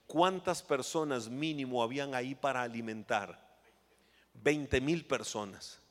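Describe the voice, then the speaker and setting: A man preaching a sermon in an emphatic way, swinging between loud and hushed phrases as he acts out scenes. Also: mid-range voice, a little slow, in a large hall.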